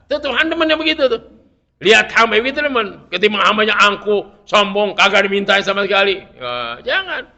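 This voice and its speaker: A man with a Betawi Jakarta accent leads a casual religious lesson in a bright, slightly high voice. He mixes Arabic readings with colloquial jokes, and his volume swings from loud to soft. The recording is muffled and low-fi. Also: sing-song, fairly quick. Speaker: Islamic preacher teaching fiqh. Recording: muffled lo-fi sound.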